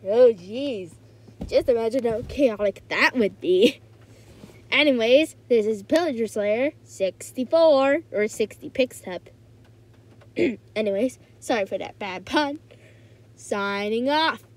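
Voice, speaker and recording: A woman's voice: on the high side, lively intonation, a little slow. A woman talking casually to her viewers as a video creator, playful and rambling. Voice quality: playful, rambling, self-correcting. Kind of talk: casual talk to camera.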